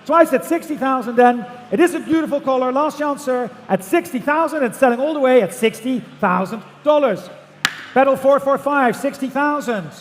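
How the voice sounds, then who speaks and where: A man's voice: very high voice, fairly quick, few pauses. A man working as an auctioneer, calling bids in a repetitive, projected chant of numbers at a live auction. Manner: repetitive chanting of figures, often loud and projected. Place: large auction hall. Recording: echoey hall PA with background noise.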